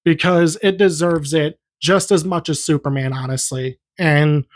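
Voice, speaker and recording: A man's voice: fairly high pitch, fairly even intonation, a little slow. A young man giving a heated, profane, rambling movie review in a casual vlog. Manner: heated, profane, repetitive ranting.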